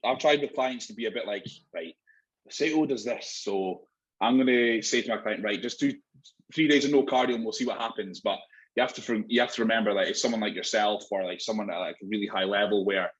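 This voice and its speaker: Husky Scottish man hosting a podcast. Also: on the low side, a little fast, highs cut off. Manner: casual, swears, says "like" a lot. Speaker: podcast host. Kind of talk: casual chat.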